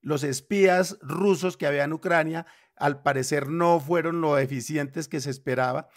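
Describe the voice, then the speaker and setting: Colombian dude in a chat podcast, voice a bit on the high side, argues every point. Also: male voice, moderate pace. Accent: Colombian Spanish. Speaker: podcast co-host. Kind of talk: casual panel chat.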